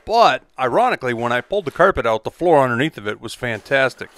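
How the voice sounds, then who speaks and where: A middle-aged vlogger talks a bit fast in a mid-range, slightly bright voice with big pitch swings. Narrating a casual vlog outdoors among pine trees, he stays easygoing, wry and matter-of-fact.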